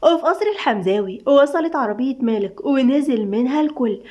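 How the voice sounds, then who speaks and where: Fast-reading Egyptian woman storyteller. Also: high-pitched, animated, warm tone. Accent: Egyptian Arabic. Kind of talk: reading a serialized novel aloud. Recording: dull lo-fi recording.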